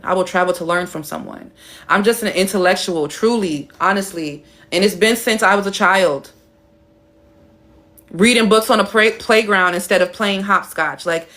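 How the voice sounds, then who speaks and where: On a live stream, a young woman addresses her viewers directly, reading out chat comments in a blunt, emphatic style full of swearing. She toys with her voice, sinking it deep and low or pitching it high and animated.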